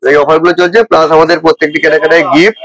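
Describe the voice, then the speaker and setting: A man's voice: fairly high pitch, flat delivery, very fast, crowd noise, rough recording. A man with a West Bengal accent explaining things off the cuff in an interview as a shop representative. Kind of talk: unscripted explanatory interview talk.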